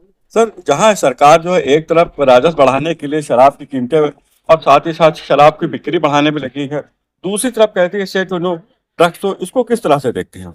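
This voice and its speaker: A man, a reporter, asking pressing questions loudly. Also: on the high side, animated, normal speed.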